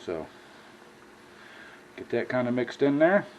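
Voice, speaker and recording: Speaking slowly in a sing-song, medium-pitched voice with the highs cut off, this American man runs a relaxed home cooking vlog. He's folksy and plain-spoken, addressing his viewers as y'all from an indoor home kitchen, where kitchen ambience comes through as clear background noise.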